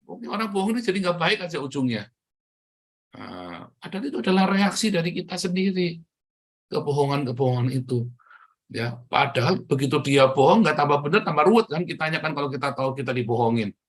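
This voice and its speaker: A man with a husky, slightly breathy voice preaches in a loose, conversational way, speaking straight to the congregation. His delivery jumps between loud, punchy bursts and quiet, low asides. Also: big pitch swings, a little fast. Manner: conversational preaching, often turns to the congregation directly. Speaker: pastor. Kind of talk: sermon.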